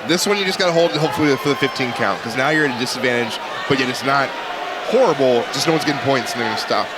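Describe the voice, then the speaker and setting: A man commentating on a fight live, explaining the action with animated asides. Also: medium pitch, fast, over a noisy crowd. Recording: very noisy venue.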